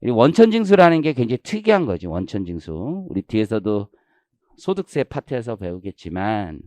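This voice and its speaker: Man in his forties lecturing on tax law, lively swinging pitch, mellow dry voice, blunt and casual. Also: moderate pace, dry recording. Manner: blunt and animated, slips into casual speech and swearing. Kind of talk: exam-prep lecture.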